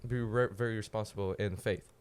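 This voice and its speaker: A man's voice: fairly low pitch, fairly even intonation, brisk, smooth. A teenage man from Poland with a Polish accent, a guest speaking in casual podcast chat who searches for words with many fillers. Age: teens. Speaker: guest, student youth leader.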